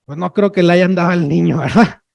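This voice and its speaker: A sign language trainer gives a workshop lecture in a high-pitched, brisk, gravelly voice with a darkish tone. He's chatty, jokes with the audience and keeps checking in with "ok?" and "no?".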